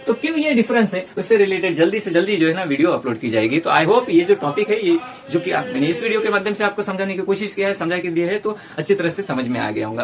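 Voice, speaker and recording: A man's voice: sits high, recorded from a distance, slight background noise. A man with an Indian accent teaching a grammar lesson in Hindi mixed with English, repeating example words and asking rhetorical questions. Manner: checks in with frequent rhetorical questions.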